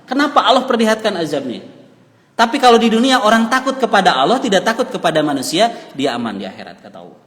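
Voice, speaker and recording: Man with a Sundanese accent, preaching in a mosque, higher voice, long hall echo. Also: sing-song, fast talker, a bit bright. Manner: storytelling, reciting Arabic and translating, mixing in regional words. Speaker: religious teacher. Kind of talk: mosque lecture.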